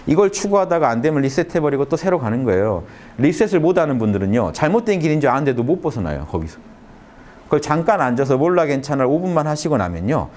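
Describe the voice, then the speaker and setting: A man lectures in a large conference room, leading his audience through a simple calming exercise. His pitch sits in the middle but moves a great deal, and sudden rises give it an animated feel. He repeats short phrases and stresses the key words. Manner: lively, emphatic delivery with sudden rises in pitch. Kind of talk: motivational humanities lecture.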